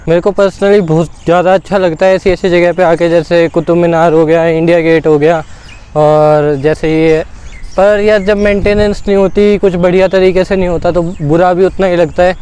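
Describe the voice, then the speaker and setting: A man's voice: high-pitched, flat delivery, moderate pace, a little mellow. A man chatting casually and colloquially to viewers as he vlogs outdoors. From India. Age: 20s. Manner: colloquial, informal, addressing viewers as brother. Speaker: travel vlogger. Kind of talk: casual solo vlog chat while walking. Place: outdoors at an open fort ruin. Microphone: clip-on lapel mic. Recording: clear outdoor background noise.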